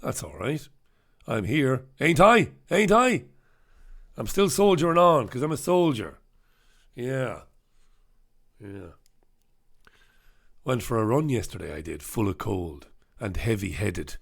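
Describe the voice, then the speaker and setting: A man's voice: on the low side, lively intonation, unhurried, vocal fry, pauses often. A man with a head cold, hosting a casual live stream where he reviews the newspapers, with sardonic, jokey asides. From United Kingdom. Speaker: host.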